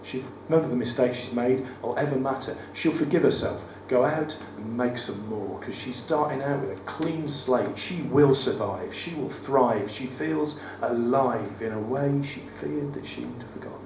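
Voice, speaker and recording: Reading his poems at a live cabaret event held in a studio theatre, a performance poet with a West Midlands accent and a croaky voice mixes in wry, self-deprecating banter. He speaks at a medium pitch and normal speed with few pauses. He sits far from the mic in a roomy venue where room noise and audience ambience come through.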